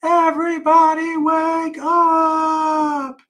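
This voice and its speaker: A man voicing a cheerful little girl who yells to wake everyone up, stretching out her high, loud call. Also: lively intonation, normal speed, far from the mic. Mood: yelling gleefully.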